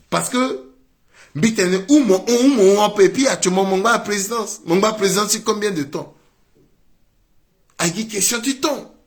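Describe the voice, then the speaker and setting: A man giving a political commentary monologue, mixing French and Sango, with exclamatory outbursts that swing down to low muttering. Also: a bit bright.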